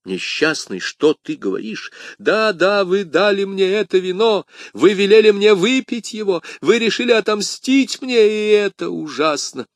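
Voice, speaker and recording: A man voicing a poisoned young soldier in anguish, crying out in a high strained voice. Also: sing-song, measured pace, creaky, hardly any pauses, a bit bright, no room sound, studio quality, exaggerated voice.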